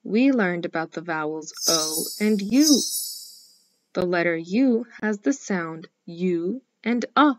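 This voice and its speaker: A woman teaching a scripted phonics lesson for young children, speaking slowly and clearly in an encouraging way. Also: lowish voice, expressive, heavy background noise. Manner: slow, clearly enunciated, encouraging.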